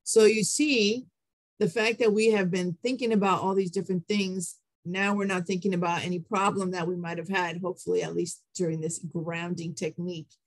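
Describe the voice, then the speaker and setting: Female webinar trainer, lowish register, encouraging, interactive delivery, dry recording. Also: fairly even intonation, moderate pace, no echo. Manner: encouraging, affirming participants' answers. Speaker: teacher trainer, webinar presenter. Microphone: computer mic on an online call.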